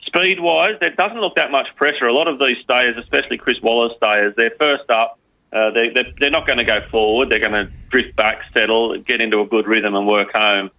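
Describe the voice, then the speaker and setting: A man's voice: medium pitch, moderate pace. A man giving horse racing tips on a podcast, in punchy phrases full of numbers and names. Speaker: racing tipster. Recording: slightly muffled, lo-fi audio.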